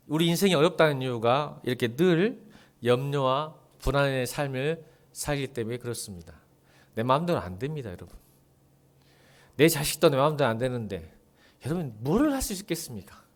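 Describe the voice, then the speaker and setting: A man preaching a sermon as pastor, asking the congregation rhetorical questions and swinging between soft, low lines and loud ones.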